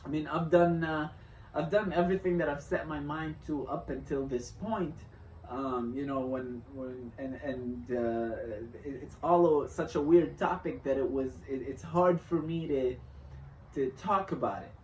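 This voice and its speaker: Halting man from Syria, roomy echo. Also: on the high side, darkish tone, recorded from a distance, slight background noise. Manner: reflective, halting, many restarts. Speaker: vlogger. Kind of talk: motivational vlog monologue. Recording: roomy echo, off-mic, faint ambience.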